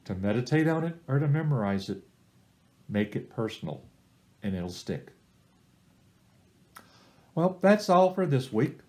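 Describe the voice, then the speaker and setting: A middle-aged man teaching a church small-group Bible study, with a voice of ordinary middle pitch. He sets out practical tips one step at a time in a plain, unhurried way, like a lay teacher leading a recorded weekly lesson. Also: big pitch swings, a little mellow.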